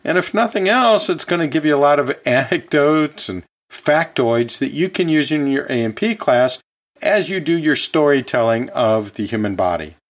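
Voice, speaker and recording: With an expressive, higher-than-average voice at normal speed, a male podcast host walks through educational material in a folksy, conversational way. He also teaches anatomy and physiology, and his delivery is chatty, sprinkled with laughs, offhand asides, and corrections of his own wording.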